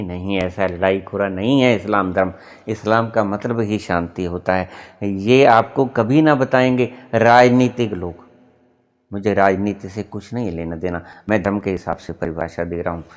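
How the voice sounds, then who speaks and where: A man, a spiritual teacher, giving a sermon in a storytelling manner and mimicking voices for humor. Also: medium pitch.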